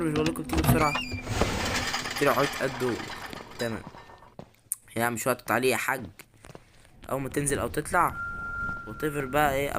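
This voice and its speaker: A man's voice: medium pitch, heavy background noise. A man with an Egyptian Arabic accent giving jittery horror game commentary, muttering prayers and letting out sudden scared yelps. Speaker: gaming YouTuber.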